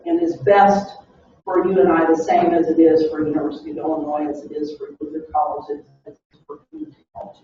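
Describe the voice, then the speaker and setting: Speaking in a mid-range, darkish voice, a university diversity administrator from Oklahoma addresses a search committee, sharing a personal story and asking rhetorical questions. The meeting-room recording is distant, echoey and dull, with a little hiss or hum.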